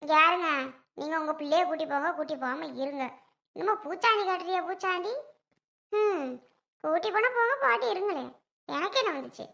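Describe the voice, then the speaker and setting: A woman playing a sharp-tongued old village mother-in-law who nags and sneers. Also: very high-pitched, lively intonation, full character voice. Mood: defiant. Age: older. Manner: nagging, sarcastic, drawn-out complaints. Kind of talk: family comedy skit.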